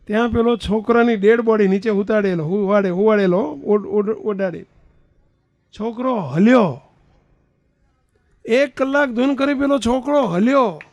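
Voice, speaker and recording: A man's voice: very high-pitched, no room sound. A spiritual leader, a man, telling a story to children as a sermon, quizzing his listeners and leading them in chant. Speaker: spiritual leader giving a religious discourse.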